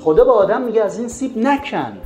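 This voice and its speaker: A man giving a lively talk on raising children, pressing the listener with rhetorical questions. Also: sits high. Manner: asks many rhetorical questions. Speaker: religious parenting speaker. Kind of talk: lively lecture retelling a story. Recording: roomy echo with faint music.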